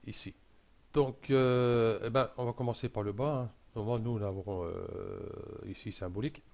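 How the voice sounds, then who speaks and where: Man, deeper voice, casual halting tutorial narration with lots of fillers, desktop mic. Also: steady tone, creaky, a little mellow. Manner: hesitant, many fillers and restarts. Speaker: software tutorial maker. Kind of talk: casual screen-recorded software tutorial.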